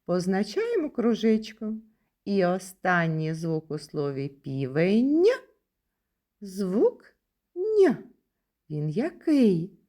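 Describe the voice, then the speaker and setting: A woman from Ukraine leads a lesson for small children, speaking slowly and patiently. Her voice is mellow, and her pitch swings widely as she lifts each word she wants them to catch. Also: sing-song. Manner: sing-song, stresses key words with rising pitch. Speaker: kindergarten teacher.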